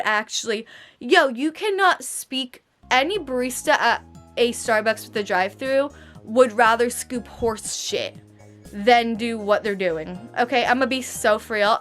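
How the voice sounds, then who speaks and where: A twenty-one-year-old woman with a slight lisp vents about her barista job in a casual vlog, her voice a little high and somewhat bright. She's a vlogger who also trains baristas, and she sounds exasperated and slangy, repeatedly checking in with "okay?"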